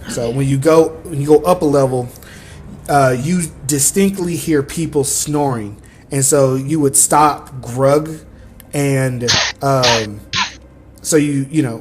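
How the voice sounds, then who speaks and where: A man's voice: medium pitch, a little hiss or hum. A young man acting as game master, narrating in a rambling, self-correcting way with casual swearing.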